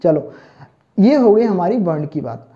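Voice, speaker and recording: A Hindi teacher gives an online exam-prep lesson in a high, warm voice with big pitch swings and a slightly slow pace. He keeps checking whether students follow with "thik hai" and "samajh mein aaya na," fondly calling them children. The recording is dull, muffled and lo-fi.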